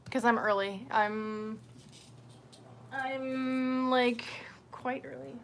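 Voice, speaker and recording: A woman hosts a livestream, chatting with viewers off the cuff in a scattered, sweary, casual way. Her high voice is steady, very slow, and a bit bright, with a little hiss or hum in the recording.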